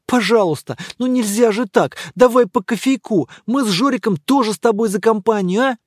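Аудиокнига: чтец изображает заискивающего мужчину, уговаривающего друга, голос поднят высоко. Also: male voice, high voice, normal speed, no room sound, studio quality, voice pushed up. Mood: wheedling. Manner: wheedling, coaxing. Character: anxious man coaxing a grieving friend.

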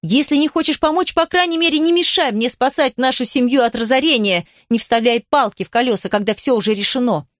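A woman's voice: high-pitched, brisk, hardly any pauses, dry recording, studio quality, pitched above the performer's own voice, lightly acted. A woman voicing a stern, anxious elder sister who speaks sharply and with exasperation. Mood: exasperated stern.

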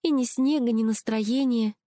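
A woman's voice: high-pitched, expressive, moderate pace, dark tone, no echo, studio quality, pitched above the performer's own voice. A woman reading an audiobook, voicing a tired, anxious young woman in a raised voice. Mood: weary.

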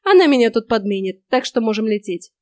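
A woman voicing a grumpy, bossy old witch who barks and scolds loudly, in an audiobook. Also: on the high side, sing-song, a little fast, no echo, studio quality. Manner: snapping, loud scolding. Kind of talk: audiobook character voice.

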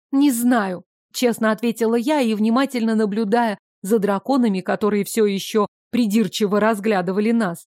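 A woman reading a first-person fantasy audiobook in an expressive, measured storytelling manner. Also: on the high side, no room sound, studio quality. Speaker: audiobook narrator.

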